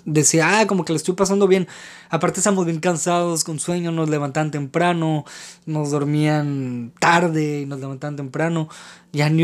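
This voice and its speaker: A man with a Mexican accent telling a personal story on a podcast in a rambling, slangy way, with many fillers. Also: a little high. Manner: rambling and slangy, lots of filler words and restarts. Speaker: podcast host. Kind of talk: casual anecdotal storytelling.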